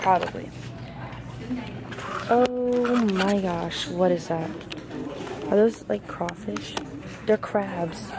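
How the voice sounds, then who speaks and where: A woman's voice: medium pitch, takes it slowly, long pauses, noisy background. A young woman vlogging casually in a large supermarket on a handheld camera, chatty and easily grossed out. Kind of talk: casual vlog chat.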